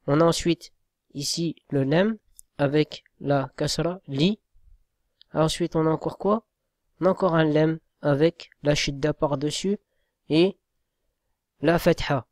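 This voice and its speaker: A man's voice: on the high side, darkish tone, no echo, studio quality. A man teaching Arabic reading in a spoken lesson, patiently spelling out sounds letter by letter and often checking in with his listeners. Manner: slow, patient, checks in with "d'accord?".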